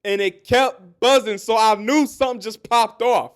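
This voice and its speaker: A man's voice: high voice, moderate pace, clean tone. A man hosting his own sports podcast, giving casual commentary, talking straight to listeners and telling stories. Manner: animated, talks straight to listeners, tells stories.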